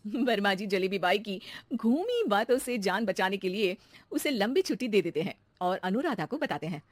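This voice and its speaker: A woman's voice: medium pitch, lively intonation, normal speed, no room sound. A woman narrating a scripted children's cartoon story as the storyteller.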